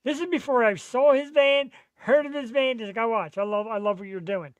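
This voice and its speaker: A man, chatting casually as a podcast host in an excitable, slangy, rambling way. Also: extremely high pitch, brisk, no room sound. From Philadelphia, USA. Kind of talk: casual live podcast chat.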